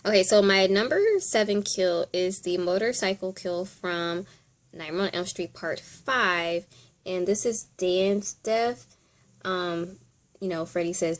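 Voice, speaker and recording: A woman hosting a casual top ten countdown, chatting informally and thinking aloud as she gives her commentary. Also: lowish voice. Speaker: video host.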